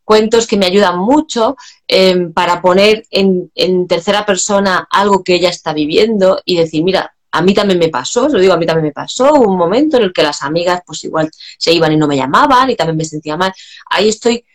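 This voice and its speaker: A woman's voice: on the low side, a little fast. A woman and mother of four talking casually about her children, quoting what she says to them. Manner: anecdotal, quotes her own words. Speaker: professional speaking as a mother. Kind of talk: casual conversation.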